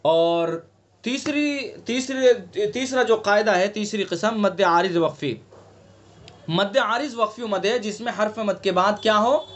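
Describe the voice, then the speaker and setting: High-voiced man teaching recitation online. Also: a bit bright. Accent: Delhi Urdu. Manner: explains patiently, asks students questions, demonstrates drawn-out recitation. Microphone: online class call.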